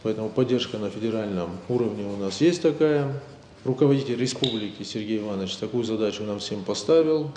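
Low-voiced male official in echoey room. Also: fast, warm tone. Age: 50s. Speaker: government official. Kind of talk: formal remarks at a meeting. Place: indoor conference room. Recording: echoey meeting room with noise.

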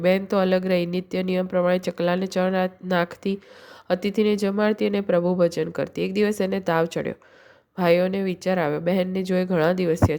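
A woman reading a devotional folk story aloud as a storyteller, in a steady recitation with small slips and restarts. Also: lowish voice.

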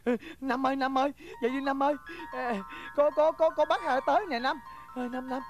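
A man's voice: very high-pitched, steady tone, fairly quick, soft background music. A young man playing a polite, eager suitor in a film, stammering deferential replies.

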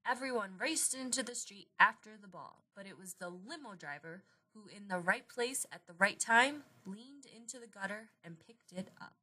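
A woman reading a picture book aloud in an expressive, lively storytelling manner. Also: medium pitch, normal speed, hardly any pauses, breathy edge. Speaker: storybook reader.

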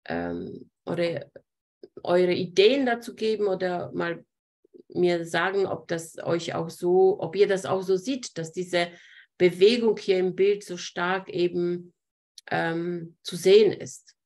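A woman's voice: lowish voice, animated, takes it slowly, a little mellow. A woman hosting a live online art lesson, explaining picture composition while pointing things out to her viewers. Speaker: art teacher hosting a webinar.

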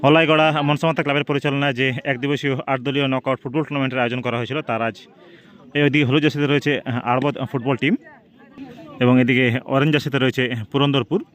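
A man's voice: mid-range voice, little pitch movement, fast talker, a bit bright. A man gives live football commentary outdoors at a local ground. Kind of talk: live sports commentary of a penalty shootout. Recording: outdoor recording with crowd noise. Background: crowd.

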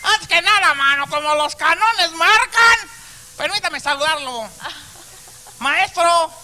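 A man's voice: very high-pitched, expressive, slow, sharp tone, heavily acted. A man playing a corny, chummy male stand-up comic with a Mexican accent, slangy and tagging lines with "ma" in a TV sketch. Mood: corny joking. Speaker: comedian character. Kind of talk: TV sketch comedy. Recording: TV studio with music.

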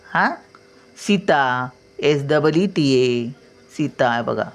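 Slow, patient older woman teacher. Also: sits low, lively intonation. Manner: patient, spells out letters and sounds words slowly; checks in with the learner often. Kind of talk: home writing lesson.

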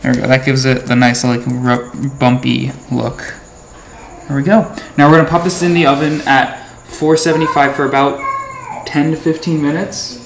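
A young man casually talking through a cooking demo in a home kitchen, relaxed and laughing often. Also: mid-range voice, normal speed, a little hiss or hum. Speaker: home cook host. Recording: roomy kitchen with background music.

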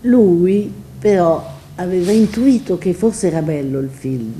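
An older woman telling lively anecdotes at a public talk, acting out the dialogue. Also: lowish voice, unhurried. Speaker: guest author. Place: event hall. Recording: echoey hall with faint noise.

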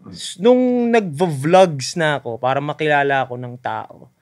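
A man in his thirties, a content creator, telling stories in a casual podcast chat, animated and mixing in English with "bro". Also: a little high, unhurried. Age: 30s. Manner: animated storyteller, mixes English into Tagalog, says "bro".

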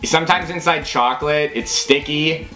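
A man's voice: on the high side, moderate pace, bright, forceful tone, reverberant, soft background music. A playful young man with a Minnesotan accent, teasing and bantering casually as he hosts a pronunciation challenge. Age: young adult. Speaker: host. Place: small indoor room, wood-panelled.

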